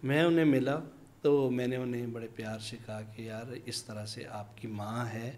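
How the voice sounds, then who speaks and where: A man, sitting as an interview guest and telling a long personal story. He speaks at a mid pitch, with thoughtful pauses, and slips into other people's voices when he quotes them. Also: steady tone, a little mellow, a little hiss or hum. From Pakistan. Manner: long anecdotes with acted-out dialogue and hesitant pauses. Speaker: interview guest, minority community leader. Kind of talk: conversational storytelling.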